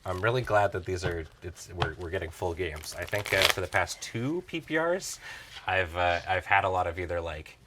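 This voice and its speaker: A man casually talking through his own turns in a card game, halting with fillers and restarts. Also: deep voice, expressive, very noisy.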